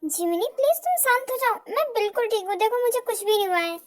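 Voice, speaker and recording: A woman voicing a gentle, long-suffering young wife who speaks softly and soothingly, in an amateur fan audio drama. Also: extremely high pitch, lively intonation, quick pace, voice pushed up. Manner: soothing, soft, placating.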